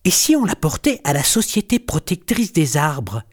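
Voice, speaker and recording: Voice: mid-range voice, very animated, moderate pace, pitched above the performer's own voice. A storyteller voicing a grumbling, reproachful boy kitten in a storybook. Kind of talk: storybook reading.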